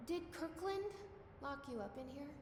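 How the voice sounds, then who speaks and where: A woman's voice: sits high, lively intonation, normal speed, background noise. An actress playing a guarded female agent in a video game, talking in a dry, wary, understated way. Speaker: game protagonist.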